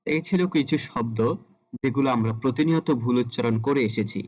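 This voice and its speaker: A man giving a pronunciation lesson, repeating each word slowly to model the correct sound. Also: medium pitch, darkish tone, muffled recording. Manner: slow, deliberate, repeats words to model sounds. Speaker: teacher.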